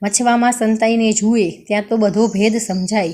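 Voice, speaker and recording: A woman's voice: a little high, steady tone, normal speed, a little mellow. A woman reading a folk tale aloud, expressively voicing the characters' lines. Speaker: storyteller.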